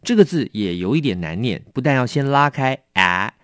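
A man with a Taiwanese Mandarin accent teaching English vocabulary, explaining patiently and repeating each word slowly. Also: mid-range voice, animated, a bit bright, clean tone, no room sound, clean studio sound. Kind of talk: vocabulary lesson.

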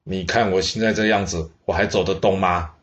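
A man voicing a stubborn, sharp-tongued old queen dowager in a blunt, petulant way. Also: low voice, fairly even intonation, a little fast, highs cut off, natural voice. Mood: grumbling.

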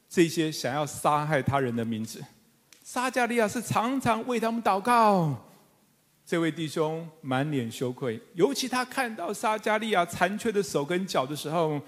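A middle-aged man preaching to a congregation, his voice sitting high and swelling into fervent, emphatic calls. He tells stories with humorous asides to the listeners. The sound carries a long reverb tail from a church hall. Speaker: pastor. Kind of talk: sermon.

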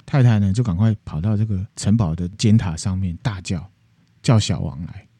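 Casting: male podcast host, low and very dark tone, dry sound, animated storytelling. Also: normal speed, slightly rough, no echo. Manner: animated, playful retelling with acted voices. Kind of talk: casual storytelling chat.

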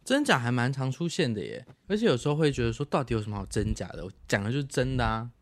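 Fast-talking teasing man. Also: mid-range voice, animated. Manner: teasing, quick to chime in. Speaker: podcast co-host. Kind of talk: casual chat.

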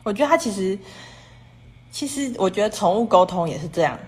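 A woman's voice: medium pitch, animated, brisk, a little mellow. A woman hosting a casual livestream, talking in long rambling runs strung together with "and then" and chatting with viewers about their comments. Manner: rambling and repetitive, strings clauses with "and then". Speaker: livestream host.

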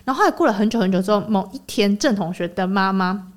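A woman's voice: medium pitch, fast. A young woman, co-hosting a casual chat and telling stories animatedly, acting out the people she quotes. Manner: animated storyteller who acts out quoted people. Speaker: podcast co-host.

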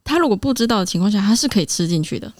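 A woman's voice: mid-range voice, animated, racing, darkish tone, no echo, clean studio sound. A woman, a podcast guest chatting casually in short replies. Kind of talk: casual chat.

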